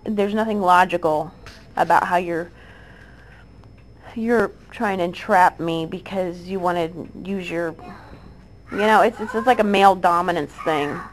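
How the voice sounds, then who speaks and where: A woman's voice: lowish voice, a little hiss or hum, rough recording. A woman in her thirties speaking straight to the camera, aggrieved and insistent, repeating herself with many restarts and fillers. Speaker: mother addressing accusers. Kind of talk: direct-to-camera monologue.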